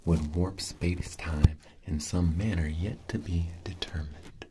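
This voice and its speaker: A man giving a soft, unhurried ASMR book reading, his voice layered with a doubled whispered track. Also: sits low, fairly even intonation. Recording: clear background noise with clicks.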